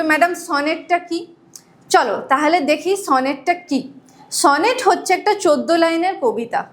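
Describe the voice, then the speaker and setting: A woman teacher with a Bengali accent, explaining a poem to students and answering her own questions. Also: high voice. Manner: asks questions and answers them herself.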